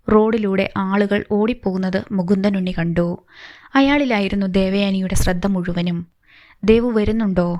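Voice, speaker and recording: Woman reading a novel out loud, does all the characters herself, dry close mic, steady middle pitch. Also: no echo. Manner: reads all characters in her own voice. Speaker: storyteller. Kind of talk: audiobook narration of a novel.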